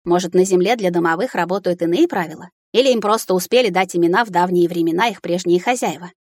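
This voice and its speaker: A woman narrating a first-person fantasy audiobook in a lively reading voice. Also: on the low side, fast, dry recording, clean studio sound.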